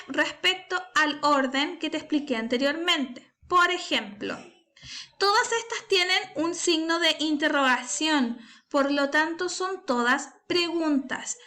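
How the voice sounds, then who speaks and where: A woman's voice: sits high, pushed and bright. A woman teaching an online primary school English class, explaining step by step and patiently checking that pupils follow. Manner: patient, step-by-step, frequent "¿cierto?" and "¿ya?".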